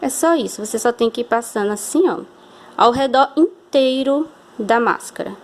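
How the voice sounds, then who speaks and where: A woman's voice: a little high, animated, moderate pace. A Brazilian woman teaching a hand-sewing craft lesson, patient and step-by-step, often checking in with the viewer. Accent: Brazilian Portuguese. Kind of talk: hands-on sewing tutorial.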